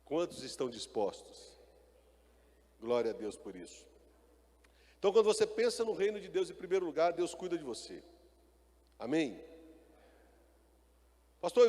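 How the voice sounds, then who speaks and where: A man preaching a sermon in a hall with long, trailing reverb. His voice sits somewhat high, and he calls for answers from the congregation before surging into loud, emphatic lines. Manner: preaching with call-and-response and rising emphatic bursts. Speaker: pastor.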